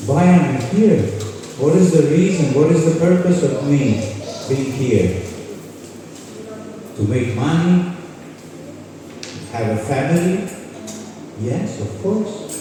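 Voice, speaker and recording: Speaking slowly with long pauses, a Croatian kirtan leader gives a conversational spiritual talk, asking questions of the audience gathered in a large indoor hall. His fairly high voice is animated; crowd noise and echo are audible, and the mic is far away.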